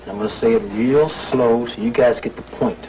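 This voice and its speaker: An actor in a 1980s TV soap playing an injured, proud football player who talks in a curt, defensive way. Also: male voice, mid-range voice, brisk, dark tone, lightly acted. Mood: defiant. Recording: old TV recording with faint hiss.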